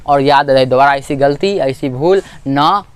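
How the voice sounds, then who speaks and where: A man voicing a stern, commanding rich older gentleman who scolds a poor mother. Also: medium pitch, measured pace, smooth, no room sound, natural voice. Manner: commanding, lecturing.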